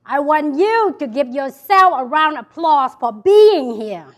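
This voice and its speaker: Addressing a crowd in an event hall, this motivational speaker is a South Vietnamese woman with a Vietnamese accent who hammers home key phrases through repetition. She talks at a measured pace in a high, expressive voice, with a slight hiss or hum audible.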